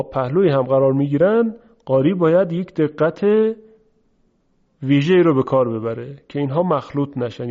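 A male recitation teacher with a fairly high but mellow, soft-edged voice, giving a patient step-by-step pronunciation lesson. He explains calmly and repeats each sound so students can practise. The recording is dull and lo-fi.

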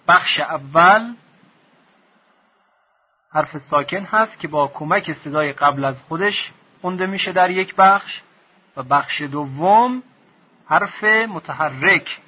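A man teaching a recorded lesson on reading the Quran, speaking slowly and deliberately and stressing each sound in his examples. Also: fairly high pitch, husky, dull audio.

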